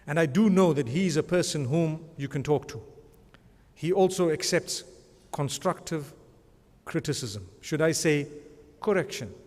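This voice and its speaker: A man presents an award in a large conference hall, his speech echoing with long hall reverb. His fairly high voice is expressive and unhurried with a darkish tone, and he rambles conversationally, often offering religious blessings along the way.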